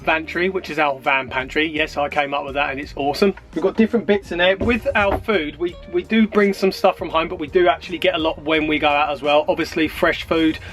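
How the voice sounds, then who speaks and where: A man's voice: a little high, steady tone, brisk, few pauses, fairly bright tone, faint music behind. A man vlogging, chatting casually to the camera and to his partner.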